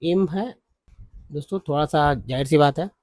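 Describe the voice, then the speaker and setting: A man teaching English spelling and pronunciation from slides, repeating syllables slowly and calling viewers friends. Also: fairly high pitch, a little mellow, no room sound. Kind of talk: slide-based phonics lesson.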